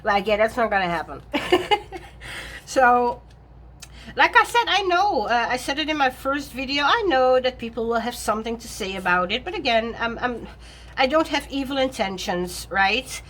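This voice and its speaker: A woman's voice: high voice, lively intonation, measured pace, fairly bright tone. A woman vlogging casually about her tarot decks, chatty, often correcting herself and laughing between thoughts. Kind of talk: rambling casual chat.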